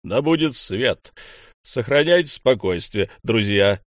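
Man doing a steady leader calming a crowd, raised voice, reassuring, dry sound. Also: mid-range voice, takes it slowly, no echo.

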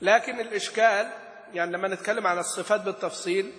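A high, bright male voice giving a recitation lesson, sounding out single letters and chanting quoted verse lines. He puts questions to the class and answers them himself. The sound carries a long, roomy reverb, as in a large hall. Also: fairly even intonation, fast. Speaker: Quran recitation teacher. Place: Gulf region. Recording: echoey room with long reverb.

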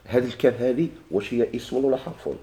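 A man's voice: medium pitch, fast, warm tone. A man with a Moroccan Arabic accent teaching a grammar lesson, asking questions and answering them himself, often repeating key words. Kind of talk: classroom lesson explaining a grammar text.

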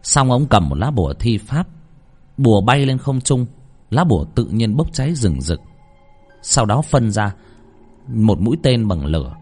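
A man narrating a horror story in a dramatic, lively storytelling manner. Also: lowish voice, measured pace, long pauses, breathy edge, faint music behind.

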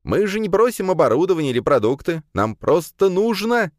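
Man putting on an eager high-voiced young student. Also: sing-song, fairly quick, darkish tone, no echo, studio quality. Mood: pleading. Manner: hopeful, insistent.

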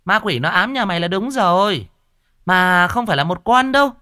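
A man voicing a shrill, bossy middle-aged female village medium who talks down to people. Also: lively intonation, normal speed, bright, forceful tone, smooth, dry recording, clean studio sound. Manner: brusque, scolding, self-important.

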